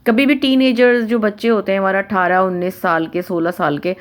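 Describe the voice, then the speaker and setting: A woman's voice: medium pitch, steady tone. A woman from Pakistan giving a conversational talk on family relationships, listing points one by one and acting out what people say. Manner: conversational, repeats and lists points, acts out quoted speech. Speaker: Islamic family-life speaker.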